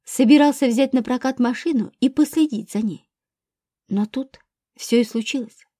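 Woman doing a dignified male suspect, measured answers, higher voice, mellow, dry audiobook read. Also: dry recording, natural voice. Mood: restrained. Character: grown son, a suspect under questioning, restrained and dignified.

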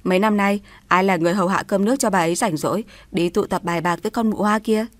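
A woman voicing an older neighbor woman who gossips in a blunt, rapid way. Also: medium pitch, dry recording, natural voice. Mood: gossipy.

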